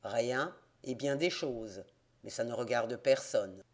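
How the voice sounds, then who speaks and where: A man doing a gruff growling old-country innkeeper. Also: mid-range voice, takes it slowly, pitched below the performer's own voice. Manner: growling, rustic, resentful. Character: gruff hostile middle-aged male country innkeeper.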